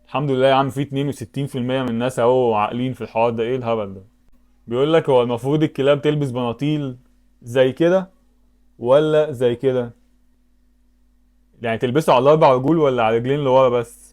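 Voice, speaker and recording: Egyptian gaming YouTuber, male, rapid-fire talk, medium pitch, thinks aloud and exclaims. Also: fairly even intonation, darkish tone. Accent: Egyptian Arabic. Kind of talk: casual commentary while playing web games.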